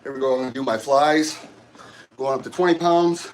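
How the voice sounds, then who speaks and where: Working out in a gym, a middle-aged man chats casually with his livestream viewers, breathless but friendly. His middle-pitched voice halts and rambles, with sentences that wander, stall and start over. A camera set up nearby picks him up over a faint background hum.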